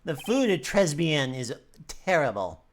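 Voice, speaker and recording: A woman's voice: low voice, sing-song, measured pace, noisy background. A woman giving casual game commentary and reading dialogue aloud with dramatic delivery. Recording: music behind the voice. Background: game music.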